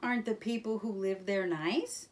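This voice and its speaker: A woman voicing a timid, wide-eyed young male mole in a children's storybook reading, with a high squealing character voice. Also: normal speed, a little mellow, distant mic, natural voice. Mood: wide-eyed, eager.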